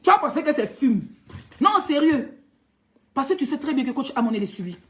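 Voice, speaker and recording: High-voiced Ivorian woman ranting. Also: normal speed. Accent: Ivorian French. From Ivory Coast. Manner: heated, mocking, animated. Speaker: blogger. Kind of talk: ranting social media vlog.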